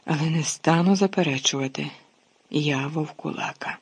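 This is a narrator voicing a weary grown man, a teacher who stays calm and measured in a storybook reading. The voice is husky and breathy at a middle pitch.

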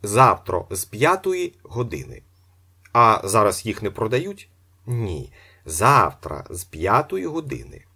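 A curt, indifferent auction clerk, put on by a man reading an audiobook. He speaks in a very high, clipped and dismissive voice with a husky edge. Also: big pitch swings, takes it slowly, bright, forceful tone, heavily acted. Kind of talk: audiobook character voice.

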